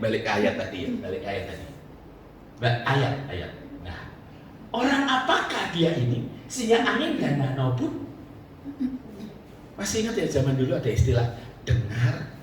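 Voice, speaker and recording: A male pastor delivers a sermon, joking and checking in with the congregation. His voice swings widely in pitch. It is picked up from a distance in a very echoey church hall with faint background noise. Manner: lively, joking, asks the congregation questions.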